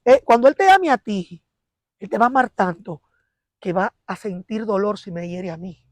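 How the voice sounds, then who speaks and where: Animated woman giving her faith testimony. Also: medium pitch, moderate pace, dry recording. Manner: animated storytelling, acting out quarrels and prayers. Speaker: interview guest giving a testimony.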